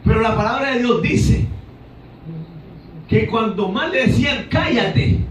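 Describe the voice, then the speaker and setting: A man's voice: very high voice, measured pace, a little hiss or hum. A man preaching a sermon in a church, fervent and emphatic, often breaking in with hallelujahs. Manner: fervent, repeats hallelujah, acts out cries. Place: church hall. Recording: echoey church, mic from a distance.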